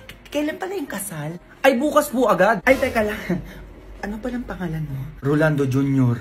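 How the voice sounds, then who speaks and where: Sketch comic playing all parts. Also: female voice, a little high, big pitch swings, fairly quick, slight background noise. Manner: switches between many characters. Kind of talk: comedic sketch acting.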